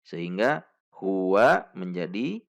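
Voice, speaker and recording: A man teaching Quran recitation rules in a patient lesson, pausing to demonstrate each sound slowly and having listeners repeat it. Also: sits low, big pitch swings, vocal fry.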